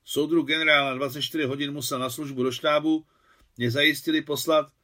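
A man voicing a flustered, red-haired nineteen-year-old army courier who rattles off his words loudly and stiffly. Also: on the high side, steady tone, voice pushed up.

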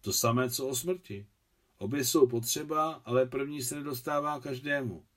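A man reading the part of a greying ace pilot in an audiobook novel, a brooding and philosophical man. He talks calmly and wryly, with a mid-pitched voice. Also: lightly acted. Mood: reflective. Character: middle-aged male aviator, greying, brooding, philosophical.

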